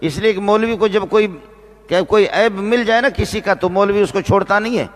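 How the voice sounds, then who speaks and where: Male preacher, high pitched voice, repetitive emphatic delivery, long hall reverb. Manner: repetitive, slows down to stress key phrases. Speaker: Islamic preacher and teacher. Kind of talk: religious sermon.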